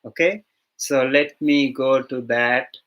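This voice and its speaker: Here a monk, a man from Sri Lanka with the accent to match, runs an online lesson for language beginners. His delivery is slow and peppered with fillers and restarts, his voice mid-range, and the recording sounds muffled.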